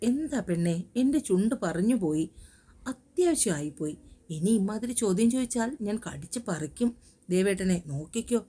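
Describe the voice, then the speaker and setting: A woman's voice: medium pitch, lively intonation, moderate pace, dark tone, natural voice. Woman reading as a tender, playful young wife. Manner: tender, coaxing.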